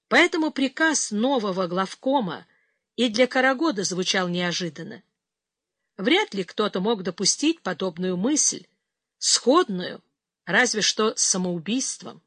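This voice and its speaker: A woman narrating an audiobook in a measured, scripted reading. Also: medium pitch, expressive, a bit bright, no echo. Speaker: audiobook reader.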